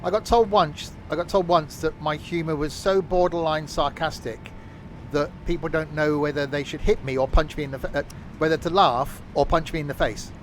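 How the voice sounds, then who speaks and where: A man's voice: fairly high pitch, fairly even intonation, moderate pace, slight background noise. A man chatting casually while livestreaming a train simulator, with dry, self-mocking sarcastic asides. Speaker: streamer. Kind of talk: live game stream commentary.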